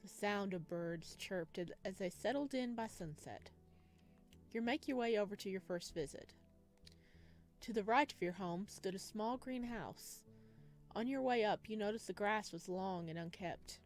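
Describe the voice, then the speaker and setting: Reading visual novel narration for a gaming video, this woman speaks a little slowly at a medium pitch, adding casual side comments along the way. There's music in the background of the recording.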